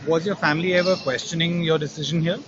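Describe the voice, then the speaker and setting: A man's voice: fairly high pitch, fairly even intonation, quick pace, lo-fi sound, noisy background. A man interviewing an artist, asking probing questions and rephrasing them as he goes. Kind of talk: conversational interview.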